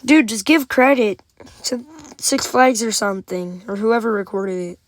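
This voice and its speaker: A woman's voice: on the high side, moderate pace, a little hiss or hum. A woman giving casual, blunt, nitpicking reaction commentary in short interjections. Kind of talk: casual debunking reaction commentary over a video.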